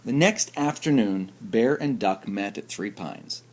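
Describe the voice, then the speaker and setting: A man reading a children's story aloud in an expressive, sing-song way. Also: lowish voice, measured pace. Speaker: narrator.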